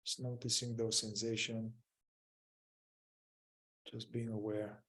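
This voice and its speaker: A man teaches a guided mindfulness meditation, speaking gently and without hurry in a lowish, level voice. He leaves long pauses between his short phrases.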